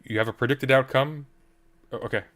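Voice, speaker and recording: A man's voice: mid-range voice, steady tone, a little fast, fairly bright tone. A man reacting to a video with dry, muttered asides. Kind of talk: casual reaction commentary.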